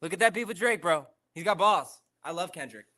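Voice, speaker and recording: A man's voice: sits high, animated, brisk, pushed and bright. A man hosting a podcast in casual chat, enthusiastic and chummy, swearing freely. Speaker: podcast host. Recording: crowd noise behind.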